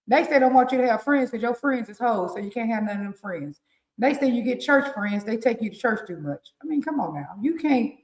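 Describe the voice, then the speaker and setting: Animated country-accented woman, roomy echo. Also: a little high. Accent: rural Southern US. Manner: animated, laughing, preachy advice-giving. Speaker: relationship coach co-hosting a morning show. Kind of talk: casual live-stream talk show.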